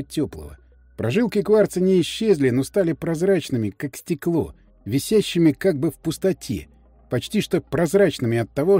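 A man narrating a science fiction story for an audiobook in an expressive, storytelling manner. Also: fairly high pitch, husky, no room sound. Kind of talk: scripted narration.

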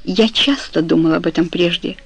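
Woman reading as a soft-spoken tender husband. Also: lowish voice, moderate pace, slightly rough, rough recording. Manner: soft, affectionate, murmuring. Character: tender sleepy husband, young man.

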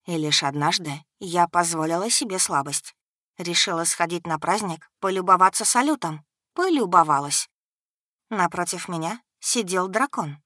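A woman narrating a first-person audiobook in an expressive, steady storytelling manner. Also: lowish voice, moderate pace, no echo, studio quality.

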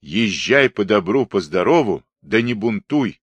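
A man's voice: fairly low pitch, very animated, measured pace, slightly rough, no room sound, heavily acted. A man voicing a stern young Cossack who admonishes firmly. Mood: admonishing. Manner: firm, admonishing.

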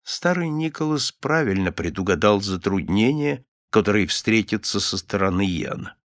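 A man narrating a fairy tale as an audiobook, with an animated, expressive reading. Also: lowish voice, normal speed, no room sound, studio quality.

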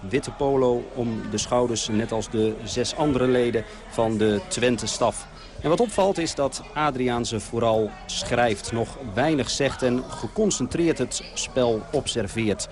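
A man reporting for radio from an outdoor football match, reading a measured, descriptive scripted report. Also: mid-range voice. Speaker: sports reporter. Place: outdoors at a sports field.

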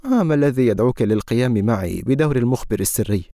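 A man's voice: a little high, expressive, brisk, darkish tone, no echo, clean studio sound, pitched above the performer's own voice, lightly acted. A man reading an audiobook, voicing a guarded, teasing young woman with a mocking manner. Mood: sarcastic. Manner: sarcastic, mocking.

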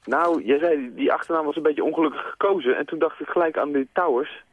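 A man's voice: on the high side, fast talker, no room sound. A man from near Den Bosch calling in to a late-night radio quiz over the phone, talking casually and hesitantly with many fillers. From Netherlands, near Den Bosch. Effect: heard over a phone line. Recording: tinny dry phone line.

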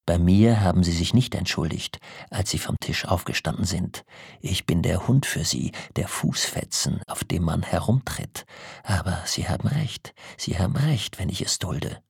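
Bitter, stammering old husband in an audiobook, voiced by a man, low and husky. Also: expressive, moderate pace, no room sound, clean studio sound, heavily acted. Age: older. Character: agitated, humiliated old husband.

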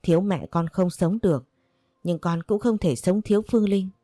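Woman doing a grown son, soft pleading tone, low mellow voice. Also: moderate pace, no echo, studio quality, natural voice.

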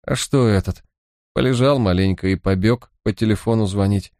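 A man doing a blunt, flat-voiced female thief. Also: lowish voice, normal speed, dry recording, clean studio sound, natural voice. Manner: flat, blunt and matter-of-fact.

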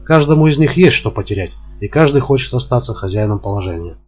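A man reading a crime novel aloud as scripted narration, steady and even, in a dull lo-fi recording. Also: medium pitch, fast, breathy edge. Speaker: audiobook reader.

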